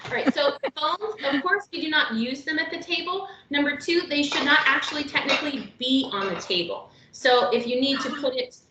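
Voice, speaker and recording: A high, bright female voice runs an online etiquette lesson in a chatty, upbeat way, trailing off into fillers now and then. She sits back from the mic in a roomy space, and the video call audio sounds dull and muffled. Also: moderate pace, hardly any pauses, recorded from a distance, a little hiss or hum. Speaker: etiquette workshop host. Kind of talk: live online class for students.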